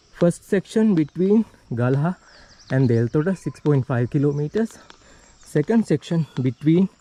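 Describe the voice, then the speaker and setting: A Sri Lankan hiking vlogger talks to an action camera while climbing a tea estate trail, slightly winded from the uphill walk. His voice is fairly high and mellow, and the audio quality is poor.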